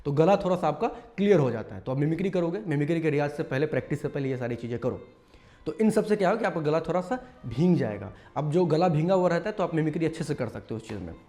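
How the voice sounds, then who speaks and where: A man's voice: a little high, animated, fast talker, warm tone. A man casually teaching mimicry, explaining step by step with lots of fillers. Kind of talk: casual tutorial talk.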